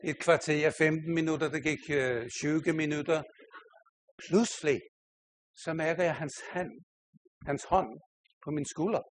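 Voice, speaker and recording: A man's voice: fairly high pitch, steady tone, pauses often, a little hiss or hum. An older man, a pastor, preaching a sermon and telling a personal story with self-mocking humor and frequent laughter.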